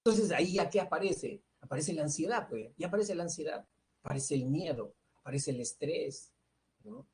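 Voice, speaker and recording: A man with a Peruvian accent lectures students on psychology. He works through each point out loud, poses questions and answers them himself, and checks in with a questioning "¿no?" at the end of almost every phrase, with "este" filling his pauses. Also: fairly high pitch, lively intonation. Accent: Peruvian Spanish. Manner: explanatory, tags nearly every phrase with a questioning "¿no?". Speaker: pre-university psychology teacher.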